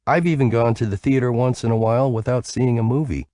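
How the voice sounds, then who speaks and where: A man's voice: mid-range voice, quick pace, dark tone, no echo, studio quality, pitched above the performer's own voice, natural voice. A man reading an audiobook, voicing a sleepy, bubbly young woman who rambles playfully on the phone.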